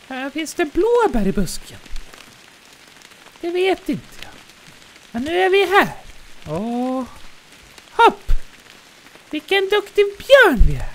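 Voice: extremely high pitch, a little hiss or hum. A performer voicing a cheerful, childlike bear in let's play commentary, chirpily narrating its own actions as "we". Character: cheerful childlike bear, cozy and easily delighted.

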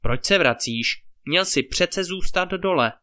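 A fierce, jealous warlord who barks his demands, as a male storyteller reads him. The tone is bright and pressing, raised a little in pitch when he shouts. Told as a spoken fairy tale. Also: animated. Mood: suspicious. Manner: harsh, demanding.

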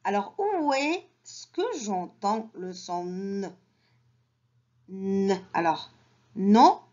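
A woman teaching an early reading lesson to children, repeating each word slowly and breaking it into syllables. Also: medium pitch, very animated, darkish tone. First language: Arabic. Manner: slow, syllable-by-syllable modelling with repeated words. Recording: dull lo-fi sound.

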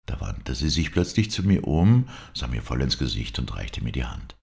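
A man narrating a classic story as an audiobook in a measured, dramatic way. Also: rumbling low, very animated, creaky, darkish tone. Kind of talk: scripted first-person narration of a classic story.

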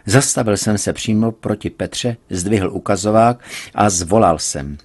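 A man reading a serialized novel aloud in measured, even scripted narration. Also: lowish voice, husky. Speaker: reader.

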